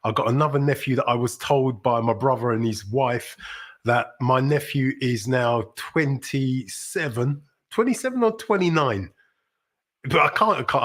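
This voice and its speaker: A middle-aged man from South London with a London accent, hosting a casual livestream in a chatty, rambling way with sudden upbeat exclamations. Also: mid-range voice. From South London, England. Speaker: livestream host.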